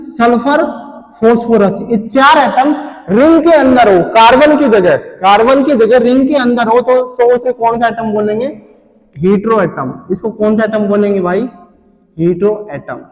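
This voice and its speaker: Guy teaching pharmacy, really high voice, keeps asking and answering himself, echoey hall sound. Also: darkish tone. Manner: repetitive quizzing, asks then answers himself. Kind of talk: classroom lecture.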